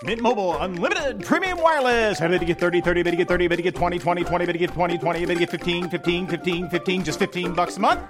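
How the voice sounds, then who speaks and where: A man in an ad doing a rapid auctioneer's chant. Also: sits high. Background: music.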